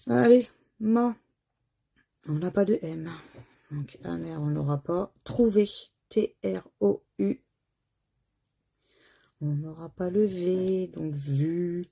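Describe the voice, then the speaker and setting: A woman's voice: fairly low pitch, takes it slowly, vocal fry, long pauses, warm tone, slightly rough. A French woman hosting a scratch-card channel, chatting casually as she scratches tickets and spells out letters one by one. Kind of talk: casual commentary while scratching lottery tickets.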